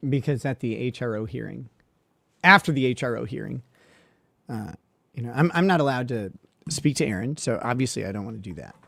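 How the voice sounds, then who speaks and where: A man's voice: medium pitch, expressive, fairly quick, creaky, a bit bright, no echo. Sardonic man telling a story, dry sound. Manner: sardonic, mocking, with laughs and filler words. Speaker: suspended lawyer and streamer. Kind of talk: casual storytelling monologue.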